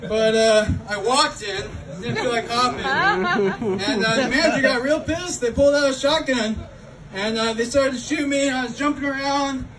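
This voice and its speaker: A man doing a stand-up comedy set with a halting delivery, full of ums and uhs. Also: extremely high pitch, steady tone. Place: comedy club stage before a laughing crowd. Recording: distant room recording with loud crowd laughter.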